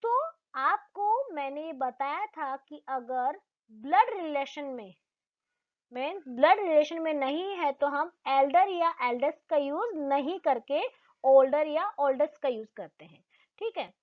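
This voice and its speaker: A woman teaches a grammar lesson in a high, bright-toned voice. She explains each rule patiently, asks questions to keep the class with her, and draws out the example words slowly. The recording has a slightly muffled, lo-fi quality. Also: lively intonation. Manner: slows down to spell out example words. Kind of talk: English grammar lesson in Hindi. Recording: slightly dull lo-fi sound.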